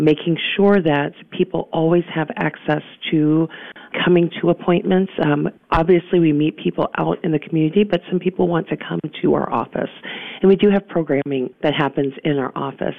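This is a gravelly voice heard over a tinny, dry phone line. The guest explains their organization's work earnestly, pausing often on "um" and restarting phrases. They sound like a community service worker being interviewed on the radio. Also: medium pitch, dry recording. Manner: earnest, with frequent "um" pauses and restarts. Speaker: guest from a local survivor services center.

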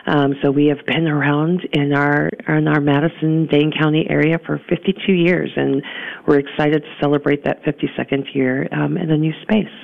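This is a gravelly voice heard over a tinny, dry phone line. The guest explains their organization's work earnestly, pausing often on "um" and restarting phrases. They sound like a community service worker being interviewed on the radio. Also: mid-range voice, level tone, no room sound. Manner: earnest, with frequent "um" pauses and restarts. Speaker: guest from a local survivor services center.

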